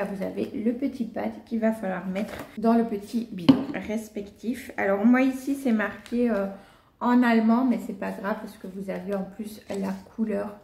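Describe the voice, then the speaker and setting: A woman's voice: medium pitch, gravelly, warm tone. A young woman with a Belgian French accent chatting casually through a product unboxing, full of hesitations and little apologies. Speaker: vlogger. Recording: echoey room, faint noise.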